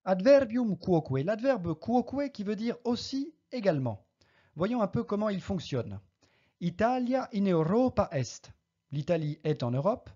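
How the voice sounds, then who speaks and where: A Latin teacher giving a recorded lesson, slowly modelling each Latin word's pronunciation and then explaining it. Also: medium pitch, sing-song, mellow, highs cut off.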